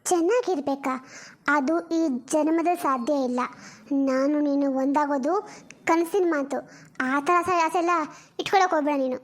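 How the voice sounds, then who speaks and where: A woman voicing a jealous, sharp-tongued young wife in an animated drama, scolding and accusing. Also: high voice, normal speed, lightly acted. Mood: angry scorn.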